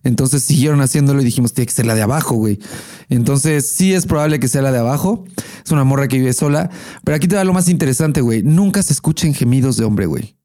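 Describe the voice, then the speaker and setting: A man's voice: mid-range voice, fast talker, warm tone. A young Mexican man co-hosting a podcast, swearing freely and telling stories with animation. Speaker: podcast co-host. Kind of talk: casual crude chat.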